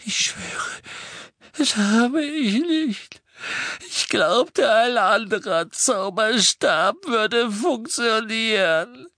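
A frail old wandmaker begs in a thin, strained voice pitched far above normal. His words come out slow, broken and sobbing, loud with desperation. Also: expressive, no room sound, clean studio sound, full character voice. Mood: pleading. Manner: pleading, begging, sobbing.

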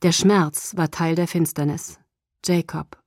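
An audiobook narrator reads a novel in the first person, her low, mellow, breathy voice soft and hushed, at times almost a whisper. She speaks at a normal pace, and the recording is close and dry with no room sound.

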